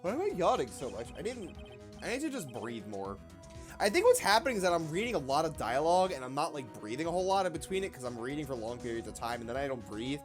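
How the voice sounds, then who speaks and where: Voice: medium pitch, very animated, fast talker, faint music behind. A game streamer chatting casually between lines of dialogue, with self-mocking asides.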